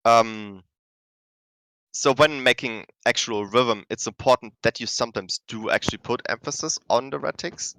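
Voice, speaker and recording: A man teaches rhythm game map design in a casual lesson, rambling, filling gaps with fillers, and often fixing his words mid-sentence. His medium-pitched voice is pushed and bright at a moderate pace, with no echo but poor audio.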